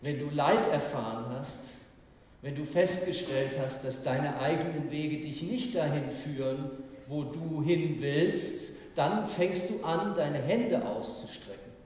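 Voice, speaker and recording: Man, sermon, earnest and reflective, unhurried, distant mic, big reverberant hall. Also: fairly high pitch, darkish tone. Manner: earnest, reflective, preaching cadence. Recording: echoey hall, distant mic, faint ambience.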